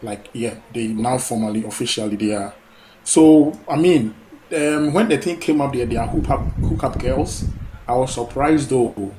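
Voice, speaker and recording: A man's voice: medium pitch, normal speed, dark tone, rough recording. A man from Ghana calling in to a talk show, speaking earnestly with hesitations and fillers. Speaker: caller. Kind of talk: call-in talk.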